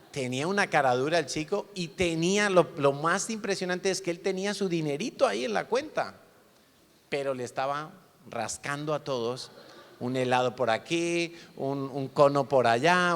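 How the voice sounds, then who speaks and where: Male preacher, animated storytelling sermon, acts out dialogue, long hall reverb. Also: a little high. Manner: lively storyteller acting out dialogue. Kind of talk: sermon with personal anecdotes. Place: church hall.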